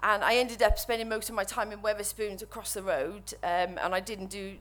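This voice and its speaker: A woman in her thirties with a Welsh accent, nervously telling her recovery story to an audience at a microphone, halting and full of restarts. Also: medium pitch, level tone, fairly bright tone. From Wales. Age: 30s. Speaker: speaker sharing recovery story. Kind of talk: personal testimony to an audience. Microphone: microphone while standing before an audience.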